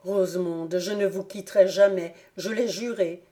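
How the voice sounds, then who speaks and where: A woman's voice: on the low side, fairly even intonation, moderate pace, warm tone, natural voice. A woman reading the lines of an anguished young nobleman in love, agitated and pleading. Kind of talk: audiobook character reading.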